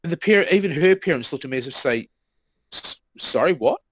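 A man's voice: a little high, lively intonation, racing, a bit bright, no echo, low-quality recording. A man co-hosting a podcast, telling work stories in casual chat, swearing freely and acting out what people said. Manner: swears freely, acts out quoted remarks. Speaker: podcast co-host.

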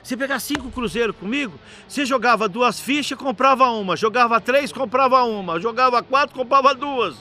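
A man voicing a stern middle-aged father who scolds his son loudly and commandingly. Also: very high-pitched, lively intonation, fast talker, pitched above the performer's own voice, heavily acted. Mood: scolding.

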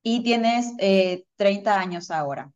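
A woman's voice: mid-range voice, lively intonation, takes it slowly, a little mellow, muffled recording. Upbeat woman hosting a podcast. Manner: upbeat, welcoming. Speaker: podcast host.

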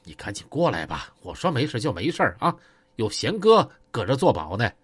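A man voicing a hesitant local boss who coaxes in a low voice, with a Northeastern Chinese accent. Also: wildly swooping pitch, a little fast, breathy edge, dry recording. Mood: coaxing.

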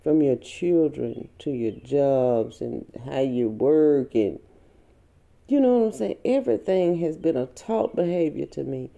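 A woman hosting a podcast, speaking a heartfelt spiritual monologue with slow, drawn-out phrasing. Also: low voice, animated, gravelly, mellow, muffled recording. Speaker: podcast host.

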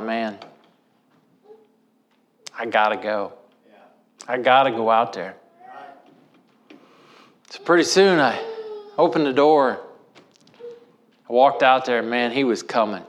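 Missouri preacher guy, folksy storyteller, rural way of talking, medium pitch. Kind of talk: storytelling sermon.

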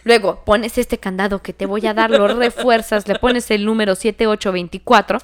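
A woman's voice: medium pitch, normal speed. A young woman with a Mexican Spanish accent telling a story in casual chat, swearing and laughing often. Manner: profane, laughing, lively retelling.

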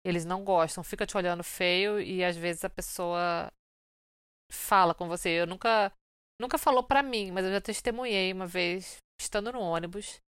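A woman from Brazil chatting casually and telling lively stories, acting out what people said. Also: lowish voice, normal speed, smooth, dry recording, clean studio sound. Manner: lively storyteller, acts out quoted lines. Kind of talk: casual chat.

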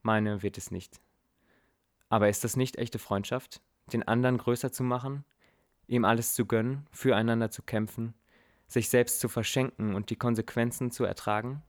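A man's voice: medium pitch, steady tone, moderate pace. A man narrating a dramatic story in the first person, earnest and reflective, with blunt casual swearing.

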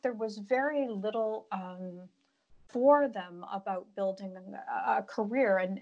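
A middle-aged woman speaks as a podcast guest. Her pitch is average for a woman. She answers in a conversational way, explaining things from her own point of view. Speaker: podcast guest, broadcast business host.

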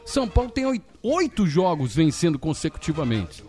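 A Brazilian man hosts a casual football show in a high, animated voice. He is excitable and repeats his words, with faint music underneath. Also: moderate pace. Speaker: football talk show host. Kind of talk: casual sports banter.

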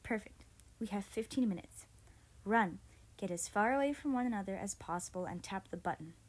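A woman voicing an excited teenage girl who leads her friends in a phone game, eager and bossy. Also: mid-range voice, a little fast, close to an everyday voice.

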